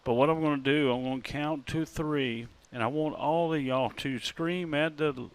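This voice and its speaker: A man, the track announcer, speaking on the PA in an emotional, heartfelt, slightly halting way. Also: a little high, smooth, dry recording. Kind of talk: live race PA announcing. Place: outdoor racetrack. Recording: outdoor speedway with noise.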